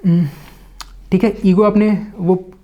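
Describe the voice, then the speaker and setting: A man with an Indian English accent teaching vocabulary, reading English lines slowly and then explaining in Hindi with many fillers. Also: high-pitched, fairly even intonation, muffled recording. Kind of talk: Hindi-English lesson explaining a book line by line.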